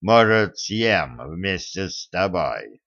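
A man voicing a huge male stone monster that speaks slowly and mockingly in a booming, hollow voice. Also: big pitch swings, gravelly, fairly bright tone, full character voice. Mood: menacing. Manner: slow, drawn-out threatening speech. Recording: dull lo-fi recording.

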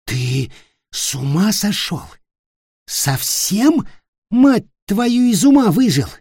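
A man voicing a cruel, arrogant tall boy lord in an audiobook, shouting and hissing in fury. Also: mid-range voice, big pitch swings, slow, husky, no room sound, clean studio sound, full character voice. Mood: raging. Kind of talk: audiobook character voice.

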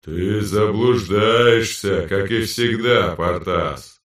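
A man's voice: on the low side, slow pace, fairly bright tone, distant mic. A man voicing ancestral spirits speaking through a possessed man, in a cold, colorless, dead-sounding voice with an echoing, otherworldly effect like a demonic double voice. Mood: cold, detached. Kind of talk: audiobook character voice.

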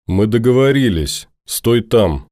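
A man's voice: mid-range voice, expressive, slow, a little mellow, no echo, clean studio sound. A man as a weary, grim deserter. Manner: tired, curt, bitter.

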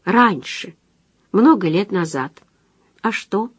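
A woman's voice: mid-range voice, animated, slow, slightly rough, no room sound. A teasing young woman with a playful, self-mocking way of talking, as a female audiobook reader puts her on. The voice sits in a middle register and sounds close and dry, with no room around it.

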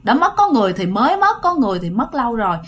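A woman's voice: a little high, very animated, very fast, fairly bright tone. A woman, chattily narrating a ghost story and addressing listeners directly.

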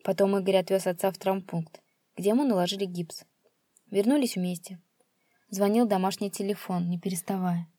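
A woman reading a grim short story aloud at an even, steady pace. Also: mid-range voice, moderate pace, no room sound, studio quality. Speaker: narrator.

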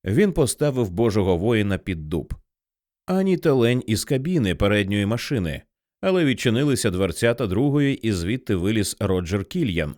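Guy reading a thriller audiobook, really lively up and down delivery, dry close mic. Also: lowish voice, normal speed, dry recording. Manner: lively, dramatic storytelling. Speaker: audiobook narrator. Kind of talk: expressive audiobook narration.

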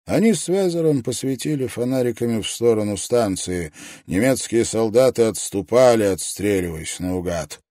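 A man reading an audiobook narration in a steady, measured way. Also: on the low side, no echo, clean studio sound.

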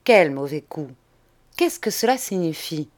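A serious middle-aged lawyer, voiced by a woman narrator, questions firmly and insistently. The voice is fairly low, measured and authoritative. It is read in a storybook manner. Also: expressive, a little mellow. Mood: alarmed. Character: grave middle-aged male lawyer, firm and concerned.

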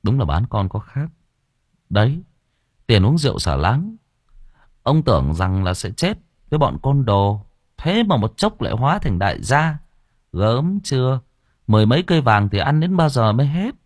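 A man's voice: mid-range voice, very animated, breathy edge, dry recording, studio quality, voice pushed up. A man doing a sneering village gossip. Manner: sneering, quick.

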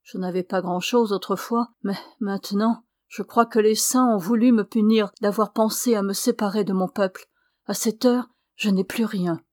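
A woman voicing an exhausted, grief-stricken young man, halting and subdued. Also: mid-range voice, fairly even intonation, a little mellow, no room sound, clean studio sound, natural voice. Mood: grieving, weary.

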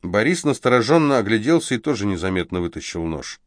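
Male narrator, lowish voice, steady storytelling, dry close recording. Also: fast talker, dry recording. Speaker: audiobook narrator. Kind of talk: scripted narration.

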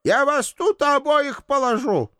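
A man reading an audiobook, voicing a cantankerous old village landlady who scolds and threatens in a shrill, creaky old-woman voice. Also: unhurried, sharp tone, dry recording, studio quality, exaggerated voice. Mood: threatening.

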